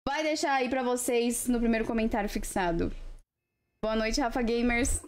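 A woman's voice: fairly high pitch, moderate pace. A Brazilian woman hosting a live stream, chatting casually with viewers in a playful, teasing way. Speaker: livestream host.

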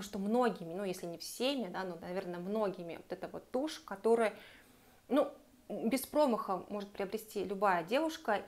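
A woman giving a chatty, enthusiastic beauty product review and speaking straight to her viewers. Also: mid-range voice. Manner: chatty, enthusiastic, recommends warmly and addresses viewers directly. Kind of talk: casual product review to camera.

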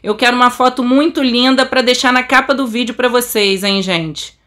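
A young Brazilian woman with a Brazilian Portuguese accent commentating a game update, so excited she says she is trembling, gushing and exclaiming constantly. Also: a little high, normal speed. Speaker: game channel host.

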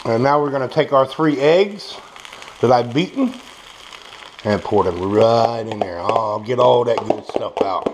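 With a mid-range voice, lively intonation and a slightly slow pace, a toothless home cook leads a casual, folksy cooking demonstration and murmurs as he savors the food. He's indoors in a small home kitchen, where the noisy audio carries frying sizzle and clicks.

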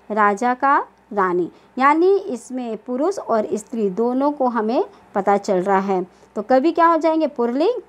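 A woman teaching a primary school Hindi lesson, patient and repetitive, often checking that pupils understand and sounding out word lists slowly. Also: high voice. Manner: slow, spelled-out syllables in word lists. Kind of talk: online class lesson.

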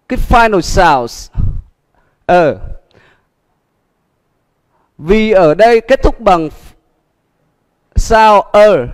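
A male teacher with a Vietnamese accent, speaking very slowly in a fairly high voice as he drills English word endings over and over. His speech is full of fillers, and a long reverb trails behind it, as from a livestream in a hard room. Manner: slow, repetitive drilling with many fillers. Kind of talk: livestream English pronunciation lesson.

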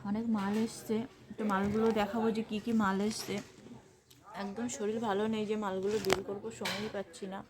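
A woman's voice: mid-range voice, level tone, brisk, crowd noise. A woman with a sore throat from a cold, chatting casually through her household chores in a home vlog. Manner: chatty, narrating chores as she works. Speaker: home vlogger.

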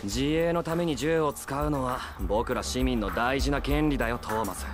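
A man's voice: mid-range voice, moderate pace, lightly acted. An actor playing an eager, cocky young man who hunts people with his father in a dubbed game cutscene. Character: eager young man, a gleeful trigger-happy hunter son.

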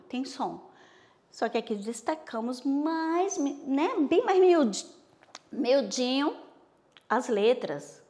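A woman primary school teacher with a Bahian accent, giving a slow, patient recorded lesson and checking in with her pupils often. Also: fairly high pitch, big-room sound. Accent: Bahian Brazilian Portuguese.

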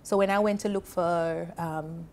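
A woman in her thirties with a Jamaican accent and a lowish voice speaks a little slowly, telling a personal story with earnest emotion on a TV panel. She gestures lively with her hands from a sofa on an indoor studio set. Her lapel mic has a slight hiss or hum.

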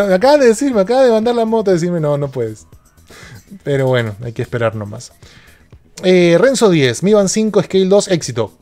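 A man's voice: fairly high pitch, darkish tone. A man, a tech streamer chatting casually on a live stream and joking as he reads out viewer questions.

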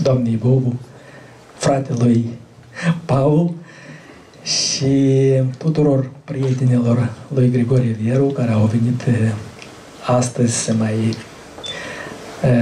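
A man with a Moldovan Romanian accent giving a formal speech at a library event, pausing often with hesitations. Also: mid-range voice, dark tone, recorded from a distance, slight background noise. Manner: halting, frequent hesitations. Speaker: event speaker.

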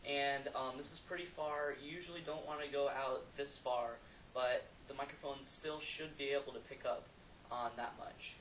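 A man's voice: medium pitch, steady tone, moderate pace, a bit bright, roomy sound. A man speaking from far away from the mic, giving a casual microphone test demo to camera. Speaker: microphone reviewer. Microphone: on-camera and shotgun mics at a distance. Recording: distant camera mic, background noise.

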